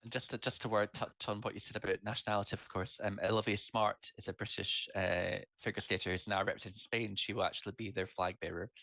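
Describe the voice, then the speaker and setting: A man's voice: lowish voice, steady tone, quick pace, gravelly, few pauses, pushed and bright, no echo, rough recording. A man guest-hosting a sports podcast, adding wry, informative asides. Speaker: guest host. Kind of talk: casual sports podcast chat.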